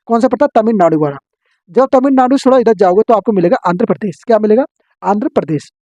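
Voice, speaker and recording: A man teaching an exam-prep geography lesson, drilling his students with quick questions and answers. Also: sits high, lively intonation, a little mellow, no echo, dull audio.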